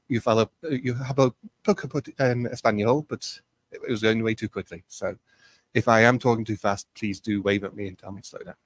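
A man's voice: lowish voice, no room sound. A man presenting a technical training webinar, explaining conversationally with frequent ums and uhs.

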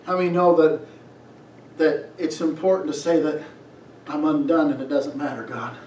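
Standing on stage in a small church sanctuary, a middle-aged pastor reads scripture and exhorts his listeners, stretching out phrases and pressing his case with rhetorical questions. His voice is a little high and darkish, with fairly even intonation. The mic sits far from him in an echoey room and carries slight hiss or hum.

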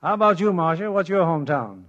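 A man's voice: fairly high pitch, expressive, fast talker, a bit bright, muffled recording. A man from Philadelphia hosting a 1940s radio drama program, genial and polished. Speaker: radio host. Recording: old radio broadcast.

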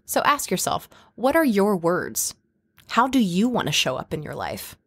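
A woman's voice: medium pitch, wildly swooping pitch, moderate pace, creaky, a bit bright, breathy edge, dry recording, studio quality. A woman hosting a podcast, giving casual spiritual advice in a playful way and swearing freely. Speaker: podcast host.

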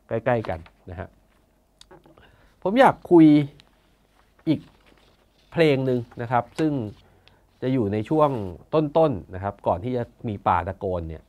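A man's voice: medium pitch, lively intonation, normal speed, pauses often, darkish tone. A man chairing a conservation foundation, talking in a casual storytelling way, blunt and colloquial, now and then acting out other people's words. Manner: colloquial, blunt, acts out quoted officials.

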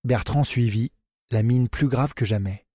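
A man narrating a thriller audiobook in an even, measured reading. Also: medium pitch, husky, dry recording, studio quality. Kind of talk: scripted narration.

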